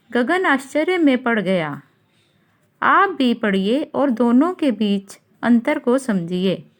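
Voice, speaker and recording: A woman teacher giving an online grammar lesson to children, explaining slowly and deliberately. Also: on the high side, darkish tone. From India. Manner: slow, deliberate classroom explanation. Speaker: school teacher.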